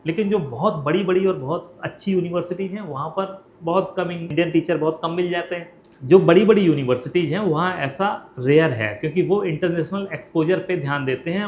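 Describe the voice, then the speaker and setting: A man answering questions, lo-fi. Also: on the high side. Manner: direct, reassuring, poses questions then answers them. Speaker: education consultant. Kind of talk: explanatory talk to camera. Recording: roomy, dull lo-fi sound with faint hiss.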